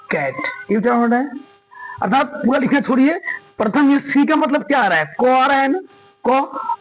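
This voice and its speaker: In a grammar class, a man with a very high voice drives his points home through repetition and keeps quizzing his students. The recording quality is low.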